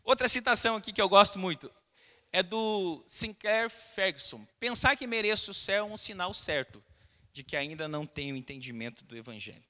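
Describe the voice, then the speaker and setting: Male pastor, high bright voice, lively sermon with acted-out quotes, long reverb of a church hall. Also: a little fast. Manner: animated storytelling with quoted voices; asks the congregation direct questions.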